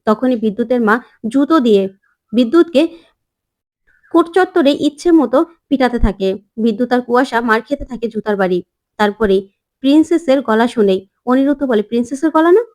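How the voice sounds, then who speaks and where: A woman's voice: fairly high pitch, lively intonation, brisk, pauses often, a little mellow. Woman retelling a TV serial episode. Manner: plain, running narration. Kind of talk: casual story retelling.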